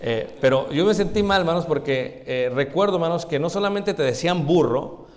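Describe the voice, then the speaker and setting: Preacher in a reverberant church. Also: male voice, fairly high pitch, brisk, slight background noise. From Mexico. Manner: folksy, addresses the congregation as brothers, asks them questions. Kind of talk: conversational sermon. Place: church sanctuary. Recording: long hall reverb in a church.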